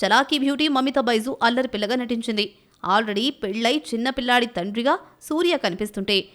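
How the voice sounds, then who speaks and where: A woman narrating a film news segment as a scripted voice-over, with a brisk read. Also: sits high.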